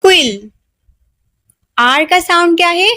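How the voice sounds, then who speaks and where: A high-voiced woman leads a beginners' phonics lesson at an unhurried pace. She is patient, repeating every sound several times with plain example words. Her voice sits close and dry, with no room echo. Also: lively intonation, sharp tone. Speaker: teacher.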